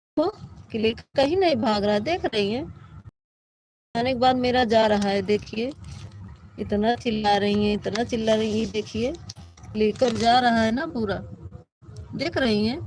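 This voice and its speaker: A woman's voice: a little high, darkish tone, low-quality recording. A woman hosting a phone live stream, chatting casually and complaining to her viewers, often repeating herself.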